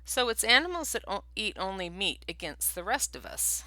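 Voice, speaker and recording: Brief: eager bossy rabbit, bright and lively; a woman reads it. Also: medium pitch, moderate pace, no room sound, pitched above the performer's own voice.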